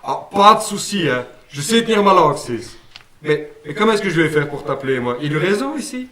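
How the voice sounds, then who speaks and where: A man's voice: a little high, very animated, a little fast, pushed and bright. A man voicing a cheeky, naive working-class puppet man from Liège with a Liège accent, folksy and full of "hein", in a puppet radio play. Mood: chatty. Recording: roomy sound, mic at a distance.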